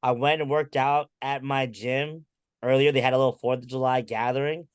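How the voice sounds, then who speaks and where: A man's voice: mid-range voice, fairly even intonation, moderate pace, smooth. Easygoing male podcast co-host. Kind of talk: casual chat.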